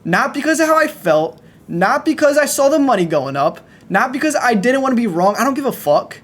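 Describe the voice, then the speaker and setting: A man's voice: very high voice, big pitch swings, a little fast. Young man, blunt vlog rant to viewers, swears freely, hard-pushing delivery. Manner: blunt, profane, pushy, talking straight at viewers. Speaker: trading content creator. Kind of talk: fast motivational rant to camera.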